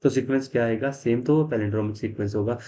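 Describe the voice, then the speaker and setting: A man's voice: medium pitch, very fast, warm tone. A man teaching a biology class. He explains step by step, asks questions and answers them himself, and mixes English science terms into his speech. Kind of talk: classroom lecture.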